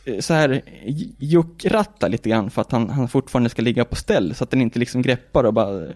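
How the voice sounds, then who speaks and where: A man's voice: mid-range voice, dry recording. A man in casual chat, telling his racing story animatedly, acting out his own reactions and swearing freely. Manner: animated, acts out his own past reactions with shouts and laughter; swears freely, says "liksom" and "jag bara" often. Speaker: racing driver guest.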